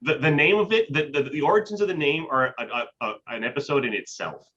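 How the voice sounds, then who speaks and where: A man's voice: on the high side, lively intonation, fast talker, bright, forceful tone, lo-fi sound. A man chatting casually in a business video call, rambling with frequent restarts and laughs. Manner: rambling, talks with his hands, laughs often. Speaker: business owner.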